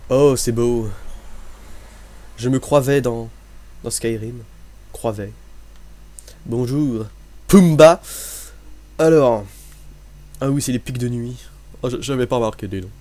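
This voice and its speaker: A man's voice: medium pitch, takes it slowly, long pauses, dark tone. A young man from France giving casual, joking gameplay commentary, rambling and mocking himself as he plays. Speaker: gaming commentator.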